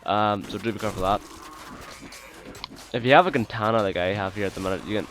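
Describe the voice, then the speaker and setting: A man with a fairly low voice talks through his gameplay in a relaxed, chatty way, pausing often on ums and uhs. He sounds easygoing and quick to apologize. Faint noise sits behind him. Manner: hesitant, full of ums and uhs. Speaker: let's play host. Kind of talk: casual gameplay commentary.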